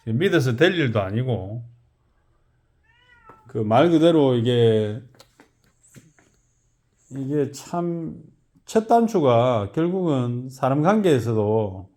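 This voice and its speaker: Gyeongsang man in his forties, shop owner vlogging, rambling and worn out from an all-nighter, mid-pitched. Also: big pitch swings, slow pace, long pauses, dark tone. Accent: Gyeongsang Korean. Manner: rambling, loose and chatty. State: tired from an all-night job. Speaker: car detailing shop owner. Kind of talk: casual vlog narration.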